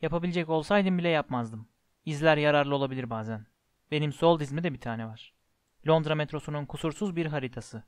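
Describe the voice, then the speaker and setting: An elderly wizard headmaster, calm and quietly wry, as a man reading a storybook puts him on. The voice is unhurried, a little high for a man, and sounds dry and close. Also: clean tone, no echo, natural voice. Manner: calm, dryly humorous.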